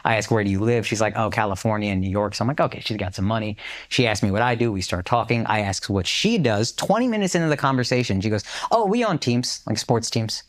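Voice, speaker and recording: A man's voice: on the low side, fast talker. A man on a podcast, casually telling a story with lots of swearing and acted-out quotes. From United States. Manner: animated storyteller, swears freely, acts out quotes. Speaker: podcast co-host.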